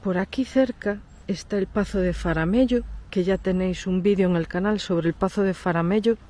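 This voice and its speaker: Strolling through a village outdoors, this woman host gives a chatty, casual tour for her travel vlog, pointing out sights along the way. Her voice is medium-pitched and dark-toned at a normal speed, and her stuffy cold makes it nasal and congested.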